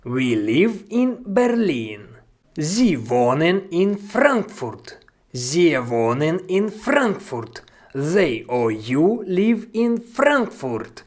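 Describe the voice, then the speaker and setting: A language teacher reading a scripted beginner lesson, saying each phrase slowly and repeating it along with its translation. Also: mid-range voice, very animated, a little mellow.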